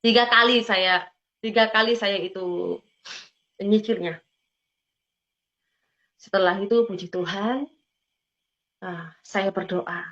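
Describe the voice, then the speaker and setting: A woman's voice: medium pitch, slow pace, long pauses, a bit bright. A woman gives an emotional personal testimony. She tells her story earnestly and often turns to her listeners as brothers and sisters. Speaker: testimony speaker. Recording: dull lo-fi recording.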